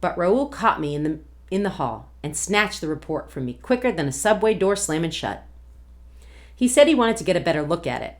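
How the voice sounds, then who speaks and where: A woman reading a novel aloud to a class as a guest reader, in an expressive storytelling manner. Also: on the low side, a little fast.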